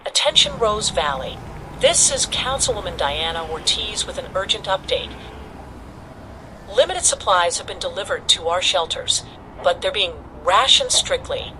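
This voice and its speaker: An actress playing an earnest community leader making urgent appeals in a post-apocalyptic radio broadcast. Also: female voice, fairly low pitch, sing-song, normal speed, noisy background.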